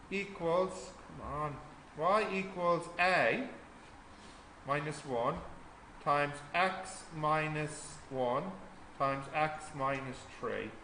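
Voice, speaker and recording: A man's voice: fairly high pitch, bright, forceful tone. A man tutoring a maths class, explaining step by step and quizzing students as he goes. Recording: echoey classroom with faint noise.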